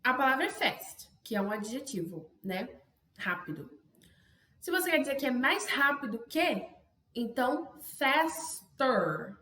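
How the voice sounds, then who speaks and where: A woman's voice: sits high, bright, forceful tone, echoey room. Chatty Brazilian woman teaching English. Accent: Brazilian Portuguese. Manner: chatty, self-interrupting, frequent "né?" tags. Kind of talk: online language lesson.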